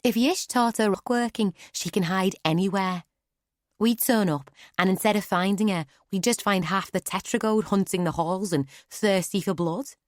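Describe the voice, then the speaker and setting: A woman's voice: on the low side, measured pace, long pauses, no room sound, studio quality, pitched above the performer's own voice, natural voice. A woman voicing Clara, a blunt, pragmatic young novice who speaks matter-of-factly and wryly in an audiobook. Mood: urgent. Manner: matter-of-fact, wry. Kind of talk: audiobook character voice.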